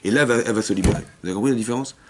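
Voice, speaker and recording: A man, a rabbi, teaching a Torah class for women, talking rapidly and repeating himself, often checking that his listeners have understood and acting out little dialogues. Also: mid-range voice, noisy background. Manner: acts out dialogues within his explanations.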